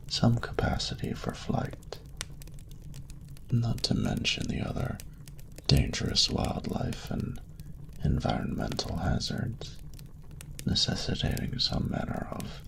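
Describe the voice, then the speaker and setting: A man takes on the role of a flirtatious, proud male dragon in an intimate romantic audio roleplay, heavily acting it with a gravelly rumble, half whispered. The phrasing is formal, grandiose, and slow, and the mood is teasing and stately.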